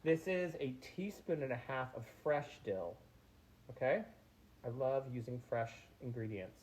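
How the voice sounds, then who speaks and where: A man's voice: medium pitch, unhurried, a little mellow, a little hiss or hum. A man hosting a casual home cooking demonstration in his kitchen, chatty and gushing, with frequent ums. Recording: tinny phone-like audio.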